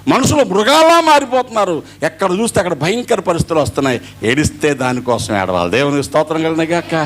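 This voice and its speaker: A man's voice: on the high side, sing-song, fast, a little hiss or hum. A middle-aged male pastor preaching an Easter sermon, acting out dialogue as he goes.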